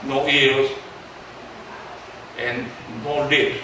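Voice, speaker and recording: Preaching a story-based sermon, this seventies-aged pastor with a Taiwanese accent speaks haltingly, repeats himself, and quizzes the congregation, all in a level tone. The middle-pitched voice comes from a distance through heavy church-hall echo and audible noise.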